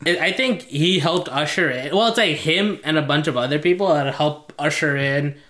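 A man's voice: a little high, moderate pace, roomy sound. A man co-hosting a casual podcast, swearing freely and laughing often as he riffs. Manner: profane, excitable, laughs often. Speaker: podcast co-host.

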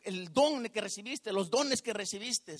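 Man putting on an old male friend, joyful, questioning, higher voice. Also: animated, a little slow.

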